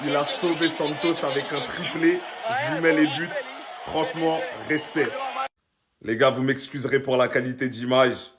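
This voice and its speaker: A man's voice: mid-range voice, fairly even intonation, moderate pace, over a noisy crowd, heavy background noise. A man giving a casual football reaction, talking straight to his viewers and asking them questions. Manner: chatty, asks the viewers questions.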